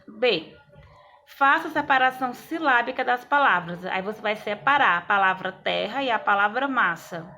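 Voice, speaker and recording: A woman's voice: on the high side, pushed and bright. A woman, a schoolteacher explaining exercises step by step and checking in with her students. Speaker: school teacher. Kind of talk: recorded class lesson.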